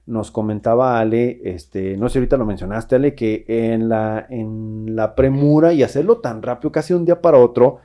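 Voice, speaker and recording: Un hombre con acento mexicano que conduce un podcast de bodas. Tiene una voz suave y oscura y habla con calma, dirigiéndose directamente a las novias con consejos en tono de charla casual. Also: male voice, mid-range voice, moderate pace, few pauses. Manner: relaxed, gives advice directly to brides. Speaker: podcast host.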